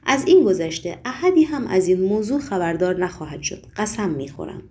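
Curt, gruff male demon henchman read by a woman narrator, audiobook, low and clipped. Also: lively intonation, warm tone, natural voice. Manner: curt and impatient. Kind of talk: audiobook reading.

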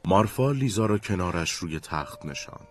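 A man narrating a radio drama in a measured, even storytelling voice. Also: low voice. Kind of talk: scripted narration.

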